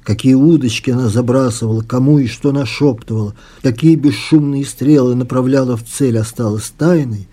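A man, the author, reading a passage from his own novel in a soft, measured way, after answering interview questions. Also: medium pitch.

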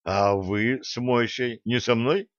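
A brash, bold space captain , as a male reader voices him, pushing his lines with lively, decisive energy. The voice sits a touch above the reader's own, dry and a little muffled. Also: medium pitch, slow pace, no echo, lightly acted. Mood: wry. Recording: dull lo-fi dry recording.

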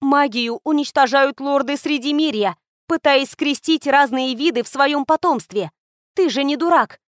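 A woman reads a young heroine mage, hot-tempered and defiant. The voice sits high and loud, every sentence hammered home. Close, dry sound with no room around it. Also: normal speed, no room sound, lightly acted. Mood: heated shouting. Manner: shouting, insistent.

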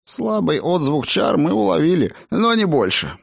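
A man's voice: on the high side, sing-song, gravelly, no room sound, clean studio sound, voice pushed up, exaggerated voice. A man voicing a musing dwarf elder. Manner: deliberate, musing. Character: slow thoughtful male dwarf elder.

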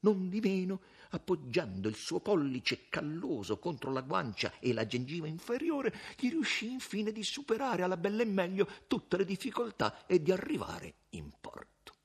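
Male narrator for a classic story reading: husky, theatrical, lively swings of pitch. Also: moderate pace, few pauses. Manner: theatrical, with sudden drops to a hush.

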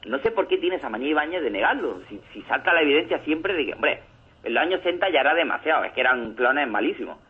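A man co-hosting a radio show, casually retelling a comic with lively acted-out lines. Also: fairly high pitch, quick pace, husky. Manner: animated storyteller, acts out comic scenes. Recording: lo-fi phone-like radio sound.

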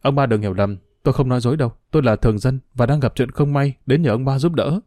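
A young father on the hunt for his stolen child , as a male storyteller voices him, earnest and held in check as he presses for answers. His tone is warm and mellow, recorded dry and close. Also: medium pitch, quick pace, no room sound, natural voice. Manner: earnest, restrained, pressing questions.

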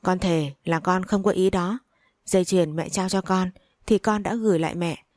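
A woman's voice: fairly low pitch, fairly even intonation, fairly quick, a little mellow, no room sound, close to an everyday voice. Woman doing a meek young bride, polite and pleading, dry close sound. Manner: polite, deferential.

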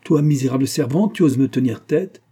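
A man voicing a proud, quick-tempered young society wife in an audiobook, with a sharp, imperious delivery. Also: mid-range voice, husky, natural voice.

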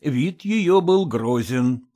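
A man reads a classic story aloud in an expressive, dramatic way. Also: mid-range voice, very slow. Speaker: narrator. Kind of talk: literary audiobook reading.

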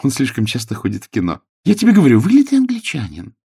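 A man reading an audiobook voices a kindly, chatty high-society lady in a high, fluttery, exclamatory voice. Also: huge pitch swings, fast talker, creaky, warm tone, slightly rough, no echo, studio quality, heavily acted. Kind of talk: audiobook character voice.

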